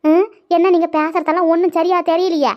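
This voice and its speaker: A touchy, aggrieved sister-in-law from a cartoon, voiced by a woman, rattles off her complaints in a quick, high voice. She sounds wounded and indignant. The audio is dull and lo-fi. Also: little pitch movement. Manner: complaining, hurt and scolding. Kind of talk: cartoon voice acting.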